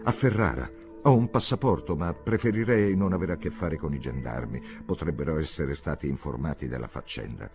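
A man reading aloud and voicing a young nobleman on the run, composed and measured in an old novel. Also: a bass voice, music in the background, voice pushed down. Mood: guarded.

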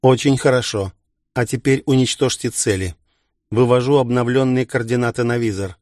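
A man's voice: medium pitch, normal speed, darkish tone, no room sound, studio quality, close to an everyday voice. A man voicing a curt military commander giving orders over a headset, clipped and commanding. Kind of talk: audiobook character reading.

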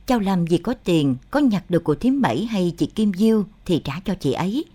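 A woman's voice: fairly low pitch, animated, a little fast, dark tone. A woman voicing an older village man who questions a child sternly and suspiciously.

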